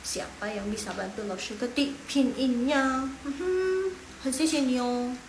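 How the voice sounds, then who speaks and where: Young medan lady teaching mandarin online, chatty, upbeat, kinda high voice, echoey room w faint hiss. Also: measured pace. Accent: Medan Indonesian. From Medan, Indonesia. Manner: chatty, encouraging, drills tones aloud. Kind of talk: live online language lesson.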